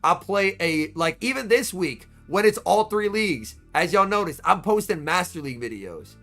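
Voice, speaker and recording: Bright, high-voiced streamer man, a bit under the weather. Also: moderate pace, soft background music. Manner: chatty, excitable, answers chat by name. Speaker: streamer hosting a tournament watch party. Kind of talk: live-stream commentary and chat replies.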